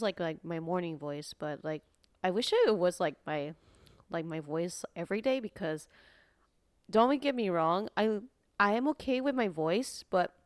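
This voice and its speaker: A woman streamer just out of bed, chatting casually in a deep, sleepy morning voice and rambling with many fillers. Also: clean tone, no room sound, clean studio sound.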